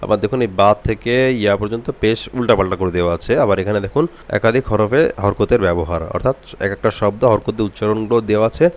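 A man's voice: on the low side, racing. Patient Bengali man drilling letter sounds. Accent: Bangladeshi Bengali. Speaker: Quran recitation teacher. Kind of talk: step-by-step recitation lesson.

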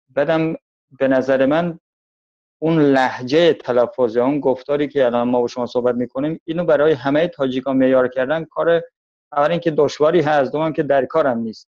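A man from Tajikistan with a Tajik Persian accent, giving a thoughtful interview and slowing down to stress his points. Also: medium pitch, darkish tone, dull audio.

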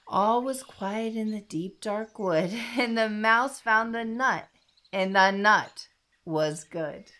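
Slow, bright-voiced woman reading a story. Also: medium pitch. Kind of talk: children's story read-aloud.

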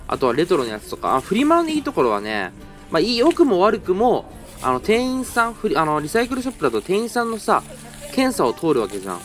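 A young man talks quickly and rambles as he narrates his browsing through a flea market, correcting himself as he goes. His pitch jumps around in a lively way. Faint music plays behind him while he speaks into a handheld camera in a parking garage. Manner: chatty, rambling, self-correcting. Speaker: toy-hunting vlogger. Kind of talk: casual narrated vlog.

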